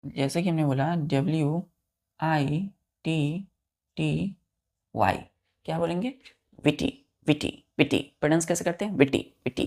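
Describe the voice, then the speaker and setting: Spelling out words letter by letter and counting aloud, a male teacher runs a vocabulary lesson, often turning to address the students. His gravelly voice is fairly high, steady and darkish, and he repeats key words slowly with drawn-out pronunciation.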